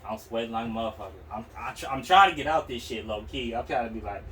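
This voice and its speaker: A young man from Oakland, California, speaking with that city's accent, hosts a podcast where he tells personal stories in a slangy, profane, rambling way. His medium-pitched voice is bright, expressive and forceful, and he talks fast. The casual, candid storytelling is picked up by a distant mic with noisy room sound.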